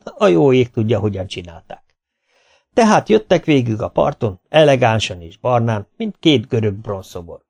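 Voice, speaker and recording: A man reading a first-person humorous memoir as an audiobook, lively and expressive. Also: mid-range voice, creaky. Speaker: audiobook reader. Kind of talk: scripted first-person narration.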